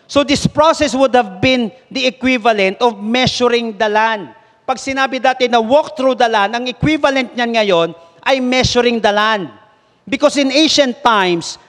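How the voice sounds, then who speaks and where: A Filipino man delivers a sermon in a high, light voice. He moves between Tagalog and English and acts out the voices of the people in his story. His words ring on in a hall with long reverb. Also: a bit bright. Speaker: bishop and preacher.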